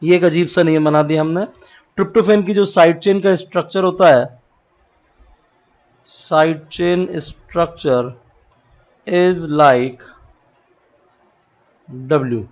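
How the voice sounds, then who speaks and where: A man's voice: on the high side, drawn-out words, pauses often, a little mellow. A male teacher with a North Indian accent lecturing in a classroom style, mixing in English terms and spelling letters out one by one. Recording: dull lo-fi recording.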